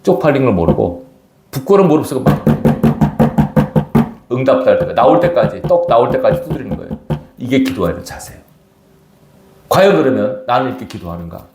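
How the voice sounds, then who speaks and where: A man's voice: mid-range voice, very animated, fairly quick, pauses often, noisy background. A middle-aged man preaching a sermon as pastor, questioning the congregation as he goes. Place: church sanctuary. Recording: echoey church hall.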